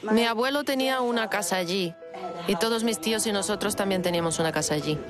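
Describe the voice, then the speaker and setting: A woman's voice: mid-range voice, fast talker. A woman from Fiji, a writer, telling childhood memories in a dubbed documentary interview. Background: music.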